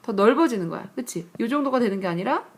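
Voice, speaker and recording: A woman teaching English grammar on a tablet screencast, her voice sitting a little high. She explains patiently, checks in with rhetorical questions and reads each English example slowly and carefully. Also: expressive. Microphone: tablet screencast mic.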